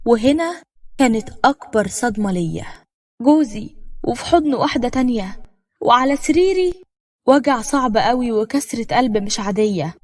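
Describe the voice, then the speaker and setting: A woman's voice: a little high, a little mellow. A woman with an Egyptian Arabic accent narrating a scripted first-person story in an emotional, dramatic way.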